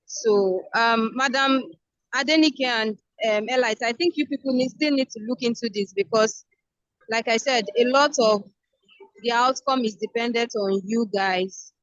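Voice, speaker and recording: Woman, measured, slightly high voice, dull lo-fi call. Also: fairly bright tone, no echo. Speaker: meeting coordinator. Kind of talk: casual meeting chat. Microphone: video call.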